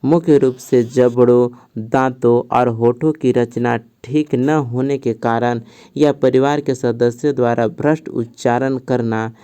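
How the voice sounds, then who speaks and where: A man's voice: mid-range voice, mellow, clear, resonant tone. A man giving an exam-prep lesson, reading from a textbook and then explaining it again in simpler words, often checking with "theek hai". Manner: mixes English terms into Hindi explanation. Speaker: teacher.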